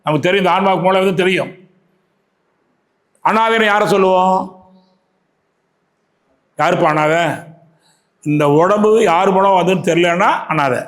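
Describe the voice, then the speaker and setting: A man with a Tamil Nadu accent giving a spiritual talk to a yoga class. He keeps asking his listeners questions, repeats key phrases and recites verses slowly. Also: sits high, fairly bright tone. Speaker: yoga teacher.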